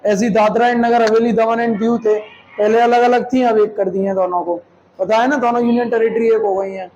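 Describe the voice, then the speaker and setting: A man's voice: very high voice, level tone, brisk, darkish tone, muffled recording, slight background noise. A man teaching a classroom lecture, explaining step by step and checking with students through rhetorical questions, mixing Hindi with English terms.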